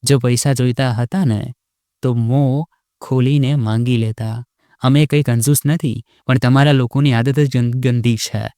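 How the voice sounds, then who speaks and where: A man voicing an arrogant, scornful rich young wife who taunts and shouts in a sharp voice. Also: medium pitch, steady tone, measured pace, no room sound, clean studio sound, close to an everyday voice.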